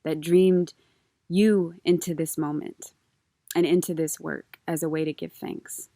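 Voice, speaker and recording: A woman facilitating a calm guided grounding exercise in a gentle, unhurried, reverent manner, leaving soft pauses. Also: sits low, dry recording. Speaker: meditation facilitator.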